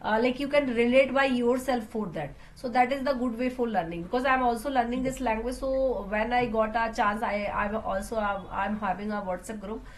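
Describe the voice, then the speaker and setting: A woman's voice: fairly high pitch, fairly even intonation, moderate pace, few pauses, low-quality recording. A woman with an Indian English accent hosting a conversation, speaking hesitantly with many fillers and calling her guest sir. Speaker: host, English learning channel. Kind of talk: casual conversation.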